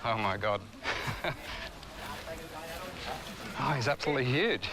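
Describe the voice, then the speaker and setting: Outdoors on location for a nature documentary, a crocodile expert explains things unscripted, speaking a little fast in a lowish voice. A crowd can be heard behind him, and the location sound includes music.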